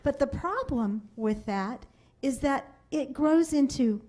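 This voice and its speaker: A woman sales trainer addresses a live seminar audience in a room, telling stories and acting out the voices of family members. She speaks slowly in a high, animated voice with a dark tone.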